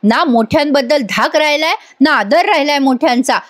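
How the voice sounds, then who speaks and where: A woman's voice: high-pitched, normal speed, natural voice. A woman reading a scolding young wife. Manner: scolding, reproachful. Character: angry young married woman scolding her sister. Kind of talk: retelling a serial's dialogue.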